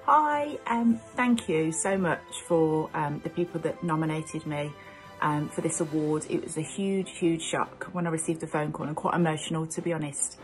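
Low-voiced woman, hesitant, full of ums. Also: moderate pace, soft background music, poor audio. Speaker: award winner. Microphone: video call.

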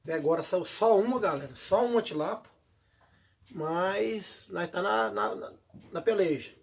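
A man, narrating a fishing vlog from a windy platform on the water and excitedly calling out to his viewers. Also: sits high, a little slow, creaky. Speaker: fishing vlogger. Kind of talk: casual outdoor fishing vlog.

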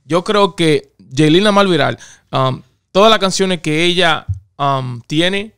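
A man's voice: fairly high pitch, takes it slowly, creaky, a bit bright, clean tone. A man co-hosting a podcast in casual chat, mixing Spanish and English and asking "right?" again and again. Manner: switches between Spanish and English, says "right?" often. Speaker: podcast co-host.

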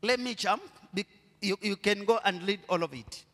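A long reverb tail follows the high-pitched voice of a middle-aged Zambian pastor preaching a sermon into a handheld mic on a church stage. He invites the congregation to finish his sentences in call-and-response style, alternating quiet murmurs with loud, prolonged proclamations.

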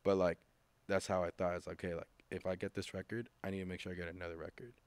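A man in his thirties from the United States, a music producer, is a guest on a studio podcast, speaking through a studio mic with headphones. His low voice is quick and barely moves in pitch, with no echo. He's laid-back and rambling, restarting sentences and acting out quotes in casual interview chat.

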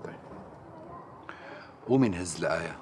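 Brief: a low-voiced Syrian husband, soft and loving. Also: male voice, expressive, moderate pace. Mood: tender. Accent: Syrian Arabic. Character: tender young husband.

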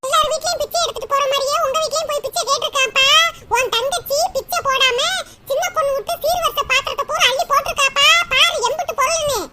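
A woman doing a squeaky nosy village gossip. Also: quick pace, heavy background noise. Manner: gossipy, chattering. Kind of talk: cartoon voice acting.

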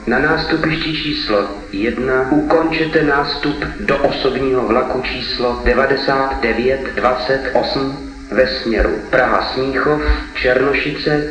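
Man, formal station announcement, measured segmented delivery, railway announcer, reverberant hall, music behind. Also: medium pitch, a bit bright. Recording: echoey hall, long reverb.

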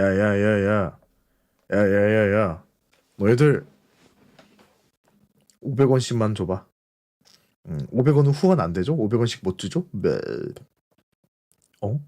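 A man chatting live with his viewers in playful, teasing banter. His pitch swings widely as he fakes threats and then blurts out rapid strings of apologies. The talk stays casual and full of quick repeated words. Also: mellow. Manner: fast repetitive interjections. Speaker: live streamer.

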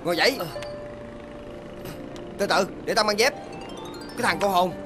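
A woman's voice: mid-range voice, music in the background, natural voice. An actress playing a blunt young woman who scolds a drunk friend. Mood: exasperated. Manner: fast, exasperated scolding.

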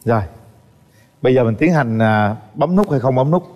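A man's voice: medium pitch, lively intonation, moderate pace, darkish tone, long reverb tail. A male host of a dating show, guiding the conversation in an easygoing, joking way. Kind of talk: casual TV hosting.

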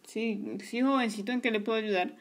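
A woman voicing a tired, skeptical male police officer in a toy story, talking low and doubtfully. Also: fairly quick, close to an everyday voice. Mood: weary.

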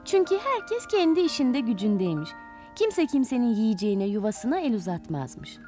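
A woman narrating a children's fairy tale in an expressive storytelling manner. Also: fairly high pitch, moderate pace, faint music behind.

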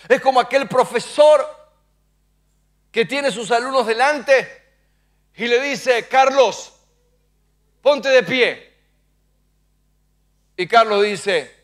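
High-voiced man preaching a sermon. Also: normal speed, a bit bright. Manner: preaching with call-and-response to the congregation; acts out short dialogues in the story. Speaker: pastor. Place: church sanctuary.

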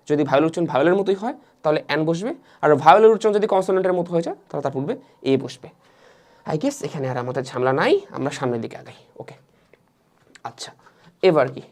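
A man's voice: fairly high pitch, a little mellow. A man teaching an English grammar lesson, repeating each rule and asking his students questions he then answers himself. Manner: fast, repetitive, asks the students questions and answers them himself. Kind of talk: online lesson explaining grammar.

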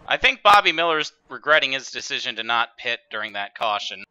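A man calling a simulated stock car race as stream host, chatty and relaxed with joking asides. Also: medium pitch, brisk, muffled recording, a little hiss or hum. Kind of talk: casual sim racing play-by-play.

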